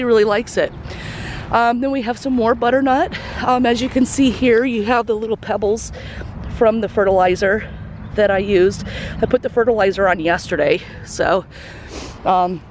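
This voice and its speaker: A woman's voice: a little high, a little hiss or hum. A woman giving a casual walkthrough of her community garden outdoors, chatty and a little out of breath, with lots of fillers and restarts.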